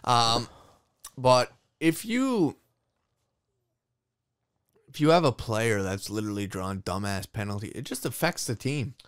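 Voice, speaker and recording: A man's voice: mid-range voice, big pitch swings, a little slow, long pauses, smooth. A man co-hosting a casual sports podcast, emphatic and swearing freely, with the hiccups. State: has the hiccups. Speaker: podcast co-host.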